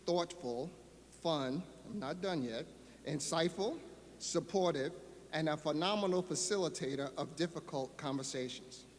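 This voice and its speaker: A man introducing a speaker over a PA system. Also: fairly high pitch. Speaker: ceremony presenter. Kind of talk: formal introduction. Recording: reverberant PA sound with faint background noise.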